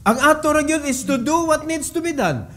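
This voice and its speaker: A man's voice: extremely high pitch, expressive, moderate pace, a bit bright. A man with a Filipino accent preaching a sermon as pastor, mixing Cebuano and English, reading scripture emphatically and putting questions to the congregation.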